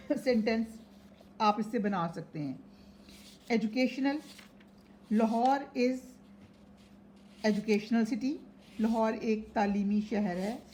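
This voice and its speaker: A woman teaches an English lesson at a very slow, deliberate pace. She spells words out letter by letter. Faint ambient noise sits under her voice. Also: a little high, mellow. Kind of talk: lesson explaining vocabulary and syllables.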